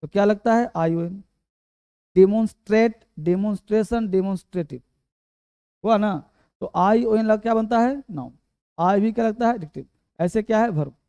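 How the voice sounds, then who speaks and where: A man teaching an English grammar lesson, talking slowly, repeating key words and quizzing his students. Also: sits high, dark tone, smooth, no room sound, muffled recording.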